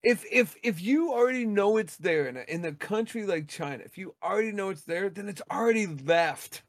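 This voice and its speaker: A high-pitched man holds forth on a podcast in a blunt, profane ranting manner. His voice sits close and dry on the mic, with no room sound around it. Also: animated, brisk, no echo. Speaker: podcast co-host. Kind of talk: casual podcast rant.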